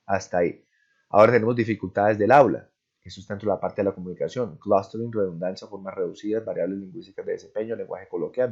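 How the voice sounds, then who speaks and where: Male professor, lecture voice, somewhat low, muffled lo-fi recording, keeps asking if it's clear. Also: darkish tone. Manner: explains step by step, often checking "¿listo?", "¿sí?". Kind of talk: online class lecture.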